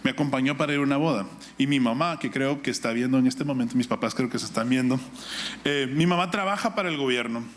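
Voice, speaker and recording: Speaking fast in a mid-range voice, a middle-aged man with a Guatemalan Spanish accent delivers an instructive sermon. He reads from the Bible, tells a personal anecdote, and drives points home with repetition and rhetorical questions.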